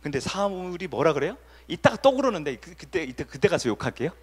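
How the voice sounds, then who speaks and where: A man's voice: a little high, very animated, fast, husky. A male pastor preaching a sermon in a conversational style and asking the congregation questions. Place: church sanctuary. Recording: reverberant church hall.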